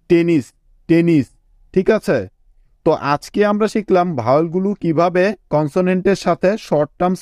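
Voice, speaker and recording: A man with a Bangladeshi accent and a fairly high voice leads a phonics lesson, sounding out English words letter by letter and saying each one twice. The recording is dry and close, with no room sound around him. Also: darkish tone, no echo. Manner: spells words letter by letter, repeats each word slowly; checks in with listeners often. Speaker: English teacher.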